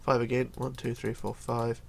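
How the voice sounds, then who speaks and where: Hoarse from a cold, this middle-aged man hosts a laid-back game building tutorial from his home computer desk, mumbling often while he chats and counts blocks out loud. His voice is gravelly and medium in pitch, with a level tone and a moderate pace.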